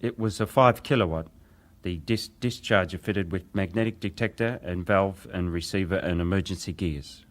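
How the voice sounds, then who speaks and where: A male actor plays a young British wireless operator testifying in what sounds like a dramatized hearing. He speaks formally, deferentially, and precisely, in a low-pitched voice at a moderate pace, with only light acting.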